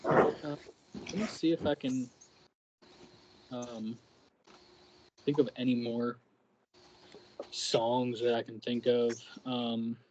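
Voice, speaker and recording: A man's voice: mid-range voice, level tone, slow, long pauses, darkish tone, highs cut off, slight background noise. A man co-hosting a podcast, chatting casually and hesitating with lots of ums while he searches for words. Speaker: podcast co-host. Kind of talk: casual chat.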